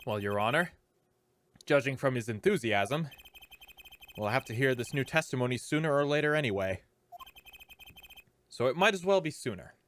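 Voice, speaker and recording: A man's voice: mid-range voice, expressive, moderate pace, pauses often, fairly bright tone, slight background noise, voice pushed down, lightly acted. A man voicing a wary, brooding defense lawyer as he reads video game dialogue aloud. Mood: resigned.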